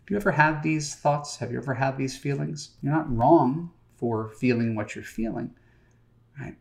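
A man's voice: medium pitch, normal speed, creaky. A middle-aged man, a dating coach, hosting a podcast and talking directly to listeners in a conversational way with frequent fillers. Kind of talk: podcast monologue.

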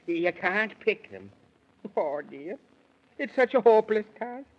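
In a muffled vintage 1930s radio recording, a male actor voices a whimsical, fretful lion king for a children's radio play. His full character voice sits high and sing-song, a little slow, with a dithering, theatrical delivery and a woeful mood.

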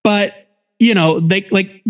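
This American man in his forties co-hosts a podcast reviewing comics, offering casual, conversational commentary. His voice sits high and he speaks slowly.

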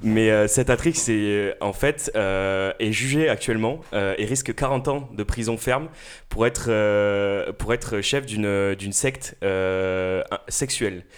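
A young man in his twenties chatting casually as a radio co-host, halting and filling gaps with hesitation sounds. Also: lowish voice, clear, resonant tone. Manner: halting, with many filler sounds and restarts. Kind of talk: casual chat.

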